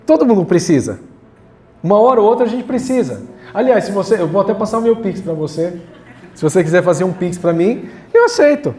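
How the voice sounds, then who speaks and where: A man's voice: sits high, big pitch swings, brisk, warm tone. A man preaching a sermon as pastor, casual and joking, talking straight to the congregation. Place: church hall.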